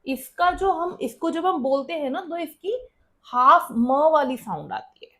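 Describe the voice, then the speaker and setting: A woman's voice: sits high, very animated, measured pace, pushed and bright. A woman teacher explaining a school lesson, often asking students a question and then answering it herself.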